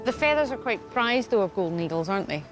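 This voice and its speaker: A woman's voice: medium pitch, sing-song, music in the background. A Scottish woman hosting a travel show, cheerful and jokey, chatting on location and narrating. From Scotland. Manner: cheerful, jokey and quick to laugh. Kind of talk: presenting, chatty and with voice-over narration.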